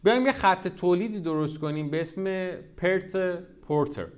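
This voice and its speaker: A man hosting a podcast, telling a brand's history in a casual, lively storytelling way with rhetorical questions. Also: high-pitched. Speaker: podcast host.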